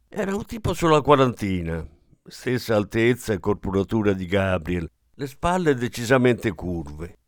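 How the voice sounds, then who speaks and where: Casting: male audiobook narrator, lively melodic reading, dry close sound. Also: mid-range voice, dry recording. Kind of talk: scripted narration of a literary story.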